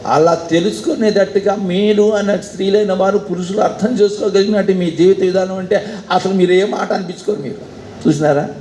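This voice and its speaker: A male pastor preaching a sermon, animated and full of rhetorical questions to the congregation. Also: high voice, a little fast, a little hiss or hum. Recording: echoey hall with faint ambience.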